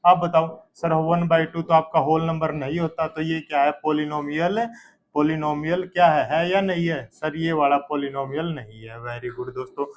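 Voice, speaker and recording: A man in teaching a math lesson, posing questions and answering them himself as his students, often repeating key terms and praising with "very good". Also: on the high side. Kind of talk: exam-prep math lesson.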